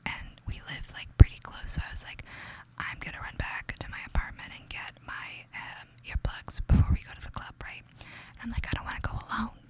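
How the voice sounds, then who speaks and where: A young woman with a New York accent whispers a gossipy ASMR tale at a brisk clip, and the recording is rough. The young adult creator sounds chatty and confiding, leaning on the word "like" often.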